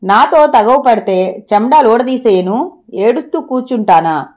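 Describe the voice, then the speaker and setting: A woman voicing a sharp-tongued, scheming wife who speaks bluntly and insistently. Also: a little high, lively intonation, moderate pace, close to an everyday voice.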